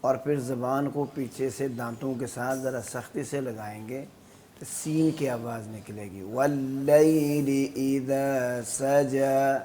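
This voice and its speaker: A man with a Pakistani Urdu accent coaching Quran recitation, explaining articulation in quick, matter-of-fact bursts. His voice sits in a middle register, with a faint hiss of noise behind it. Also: medium pitch, steady tone, dark tone. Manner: rapid, matter-of-fact explanations between slow model recitations. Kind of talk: pronunciation coaching.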